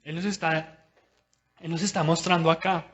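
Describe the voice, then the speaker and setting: A man delivers a sermon in a personal, conversational way, turning often to speak straight to his listeners. His voice sits a little high for a man. The recording is dull and lo-fi, with the top end muffled. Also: level tone, moderate pace, fairly bright tone. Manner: conversational, personal preaching, addressing listeners directly. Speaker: preacher.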